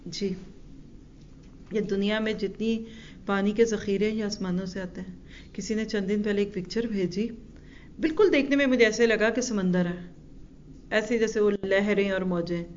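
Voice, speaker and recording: A woman's voice: medium pitch, steady tone, darkish tone, lo-fi sound, slight background noise. Woman teaching a religious lesson. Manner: poses rhetorical questions to listeners; recites Arabic verses slowly. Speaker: Quran teacher.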